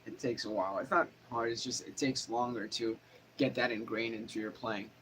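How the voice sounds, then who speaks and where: A man talks through guitar theory in a loose, rambling way, often stopping to correct himself. His voice sits at an ordinary middle pitch. A faint noise hangs behind the recording. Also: fairly even intonation, moderate pace, a bit bright. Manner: rambling, self-correcting, chatty. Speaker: guitar teacher. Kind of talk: casual live-stream guitar lesson. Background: guitar playing.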